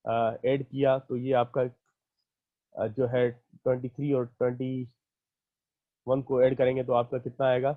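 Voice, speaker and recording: A man's voice: medium pitch, flat delivery, unhurried, pauses often, narrow, tinny audio. Patient male teacher counting aloud. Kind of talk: online math lecture.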